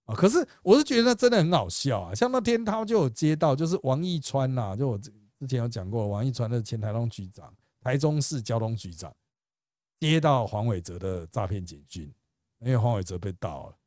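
A man with a Taiwanese Mandarin accent hosting a podcast, telling funny stories in a casual, animated way, often laughing and swearing casually. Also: mid-range voice, brisk, no echo, studio quality. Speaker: podcast host. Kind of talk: casual storytelling chat.

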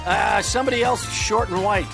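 A man's voice: high-pitched, normal speed, vocal fry, music in the background. A man hosting a sports podcast, chatting casually in a joking, rambling way.

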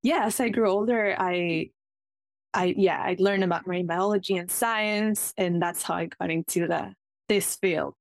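A woman's voice: lowish voice, a little slow, dry recording. A young woman from Ecuador with an Ecuadorian Spanish accent, a marine biologist guest talking earnestly and eagerly, often restarting her sentences. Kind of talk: casual interview.

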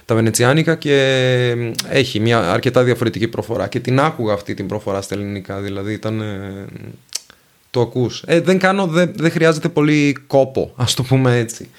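Venetian Italian-accented man, linguist guest, mid-pitched, unhurried, pauses to pick his words. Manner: slow, thoughtful, pauses to find words. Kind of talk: casual conversation.

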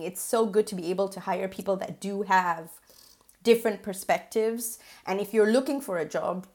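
A woman's voice: medium pitch, darkish tone. A woman from Singapore, a guest on a podcast interview, talking in a chatty way with fillers and frequent laughs.

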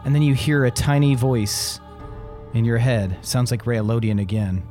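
A man narrating a tabletop role-playing game as game master, laying out scenes in deliberate, suspenseful short phrases. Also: medium pitch, dark tone, soft background music.

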